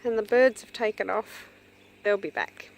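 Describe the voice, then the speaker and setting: A woman casually narrating a walk around her farm, chatting fondly and calling to her animals in a high sing-song voice. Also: moderate pace, vocal fry. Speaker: hobby farm vlogger. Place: outdoors on a rural property. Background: faint birds and farm animals.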